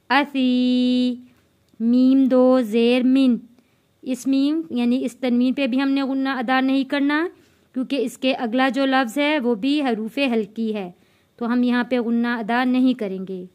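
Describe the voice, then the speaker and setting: A woman teaching Quran reading in a slow step-by-step lesson, spelling out letters and vowel marks and then drawing out the joined syllables. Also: sits high, darkish tone.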